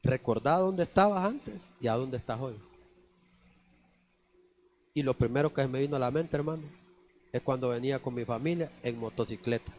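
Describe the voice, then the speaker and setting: A man's voice: mid-range voice, moderate pace, pauses often, a little mellow, slight background noise. A man preaching a conversational church sermon, often calling the listeners brother. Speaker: lay preacher. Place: church sanctuary.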